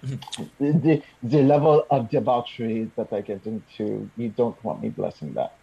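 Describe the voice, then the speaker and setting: Husky-voiced man on a dull mic. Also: mid-range voice, moderate pace, warm tone. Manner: hesitant, filler-heavy. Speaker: player. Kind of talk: casual tabletop game chat over voice call.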